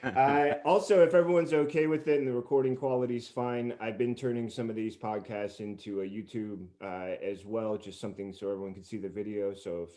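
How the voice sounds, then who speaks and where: On this remote group-call podcast, the host has a fairly low, dark voice with fairly even intonation, speaking a little fast and hardly pausing. He introduces guests from a script and chats with them in an effusive, long-winded way.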